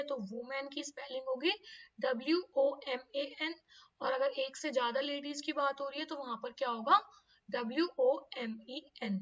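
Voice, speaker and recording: High-voiced woman teaching grammar to kids. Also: a bit bright. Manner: patient, spelling out words letter by letter. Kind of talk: explaining an English grammar lesson for kids. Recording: distant, dull lo-fi audio.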